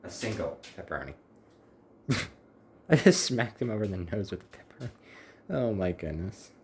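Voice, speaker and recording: A man's voice: lowish voice, lively intonation, a little fast. A man chatting casually to the camera while cooking in his home kitchen, rambling with wry little asides. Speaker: home cook, channel host.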